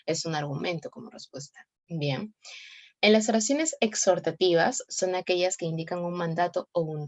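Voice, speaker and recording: A woman explaining grammar in a class, often checking with "¿no?" and correcting herself. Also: on the low side. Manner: frequent tag "¿no?" and self-corrections. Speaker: teacher. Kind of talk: explaining sentence types in a class.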